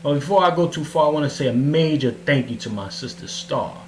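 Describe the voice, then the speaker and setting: A man's voice: on the high side, animated, fairly quick. A man hosting a casual livestream, hyped and calling out to his audience, his voice carrying a heavy echo like in a cave. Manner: hyped, repeats phrases, calls to the audience. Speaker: livestream show host. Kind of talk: casual livestream talk with shout-outs. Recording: echoey livestream audio with faint hum.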